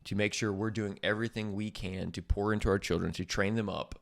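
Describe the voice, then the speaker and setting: A man's voice: lowish voice, fairly even intonation, a little fast, gravelly. Guy co-hosting a chatty parenting podcast, emphatic, keeps restarting and repeating himself. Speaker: podcast co-host. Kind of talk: casual chat.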